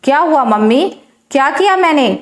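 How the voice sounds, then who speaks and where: A kind young daughter-in-law, voiced by a woman storyteller, speaks softly and pleadingly in a high voice. A roomy echo hangs on the recording. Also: a little slow. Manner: soft, pleading.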